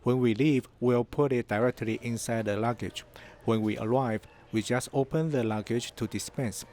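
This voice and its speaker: Male translation voice-over for a news report, middle pitch, calm dubbed delivery. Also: normal speed, a little hiss or hum. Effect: English voice-over translating an interviewee.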